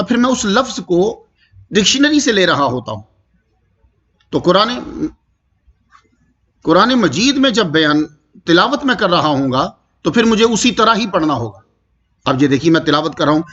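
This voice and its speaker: Man, scripture teacher, high voice, lively swings in pitch, slow drawn-out recitation, dull lo-fi sound. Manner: slow, drawn-out recitation of Arabic verses between explanations; asks the listeners questions as he explains. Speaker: Quran teacher. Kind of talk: Quranic commentary lecture.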